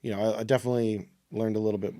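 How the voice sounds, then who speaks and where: A man with a Northern US accent, a spirits specialist chatting casually as a podcast guest, relaxed and rambling, laughing often. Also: lowish voice, racing, no room sound, studio quality.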